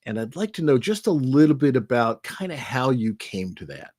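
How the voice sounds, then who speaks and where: A man's voice: mid-range voice, very animated, moderate pace, a little mellow, no echo, clean studio sound. A man hosting a podcast interview, chatty and enthusiastic, often restarting his sentences. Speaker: podcast host. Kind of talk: conversational interview.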